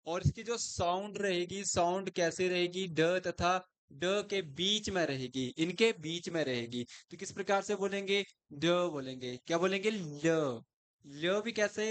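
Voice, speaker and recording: A man's voice: high-pitched, a bit bright, smooth. A man teaching grammar who keeps asking questions and answering them himself. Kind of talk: explanatory lesson.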